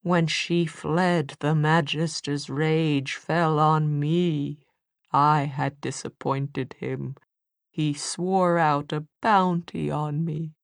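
A woman voicing a bitter, proud female demon with a high, thin voice, drawn out slowly and hissing. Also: fairly even intonation, no room sound, clean studio sound, heavily acted.

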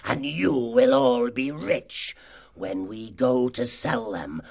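A man voicing a cruel, cunning fox who leads a slave gang, sarcastic, menacing and boastful, with a gravelly, husky voice, in a dramatised animal tale. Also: medium pitch, expressive, slow pace, a bit bright, full character voice. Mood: gloating, vengeful. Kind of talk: dramatised audiobook character acting.

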